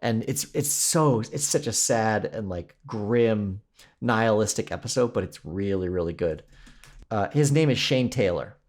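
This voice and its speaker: A man's voice: on the low side, lively intonation, measured pace, darkish tone. A man co-hosting a podcast in casual chat, enthusiastic and rambling, laughing often. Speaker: podcast co-host.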